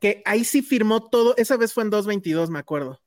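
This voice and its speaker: A woman's voice: medium pitch, lively intonation, fast, darkish tone, dry recording, clean studio sound. A woman with a Mexican accent, hosting a podcast and telling stories in casual chat. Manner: chatty, storytelling with asides. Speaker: podcast host.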